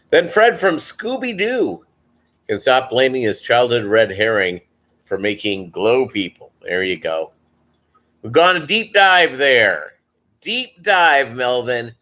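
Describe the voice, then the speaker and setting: Male livestream host, deep Southern US accent, mid-pitched, unhurried, rambling casual chat. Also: bright, forceful tone. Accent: deep Southern American. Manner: rambling, halting delivery, reading and answering viewer comments. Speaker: live stream host.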